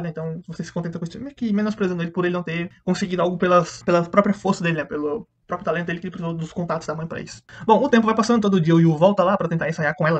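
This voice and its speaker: Male recapper, high voice, rapid chatty delivery, slightly lo-fi audio. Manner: rapid chatty retelling with frequent "né"; briefly mimics characters' lines in quick asides. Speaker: anime reviewer. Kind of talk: casual episode recap.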